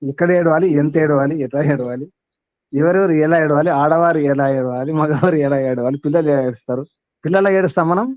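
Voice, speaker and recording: A man's voice: on the high side, fast, a little mellow, no room sound, lo-fi sound. A man acting as spiritual teacher, giving a sermon to a small group, questioning his listeners and reeling off long lists.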